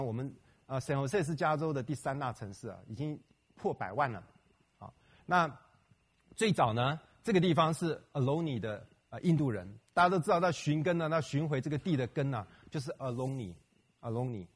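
A man's voice: mid-range voice, husky. A middle-aged man, a pastor, giving a conversational church talk full of fillers and questions to the listeners. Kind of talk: church talk on local history and prayer.

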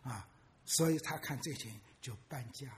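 A man's voice: mid-range voice, moderate pace, big-room sound. A man in his eighties, a pastor, preaching a sermon in a church and often putting questions to his listeners. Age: 80s. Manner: animated storyteller who asks the congregation questions.

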